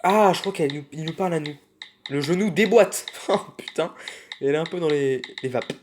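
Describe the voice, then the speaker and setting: A man's voice: a little high, fairly quick, darkish tone, slight background noise. A man doing casual, sarcastic commentary on a chat story game, reading its messages aloud and mocking the spelling mistakes. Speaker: gaming YouTuber.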